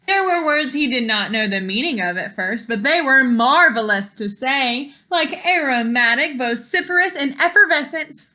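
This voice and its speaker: A high-pitched woman reads a picture book aloud to children with lots of expression, like a teacher. She stops now and then to explain words and ask the young listeners questions.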